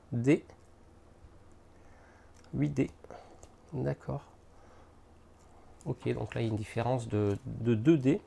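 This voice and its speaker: A man's voice: medium pitch, creaky, mellow, a little hiss or hum. A man hosting a miniatures hobby channel, casually unboxing and thinking aloud to the camera with lots of hesitant fillers.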